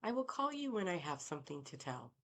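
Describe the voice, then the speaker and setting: A woman's voice: lowish voice, sing-song, fairly quick, fairly bright tone, voice pushed up, full character voice. A woman voicing a cautious, guarded female private investigator in an audiobook. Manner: careful and guarded.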